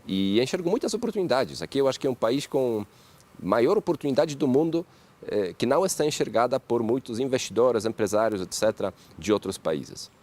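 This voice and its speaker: Interviewed as a guest, this CEO from Poland speaks with a Polish accent in a mid-range, darkish voice. He's animated, yet his outlook stays pragmatic, optimistic, and measured.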